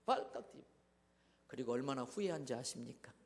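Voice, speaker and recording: A man preaching a revival sermon as a guest pastor, telling a personal story with dramatic swings from hushed asides to loud exclamations. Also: medium pitch, animated, a little fast, creaky. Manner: dramatic, swings from hushed to shouting in acted quotes. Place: church sanctuary. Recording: long church hall reverb.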